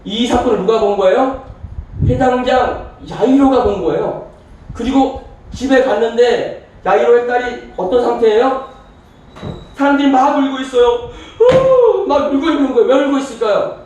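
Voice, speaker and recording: A male pastor with a high, mellow voice preaches to his congregation and acts out the people in his story. He is heard from a distance in a very echoey church hall. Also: fairly even intonation, moderate pace, slight background noise. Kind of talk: sermon. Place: church sanctuary.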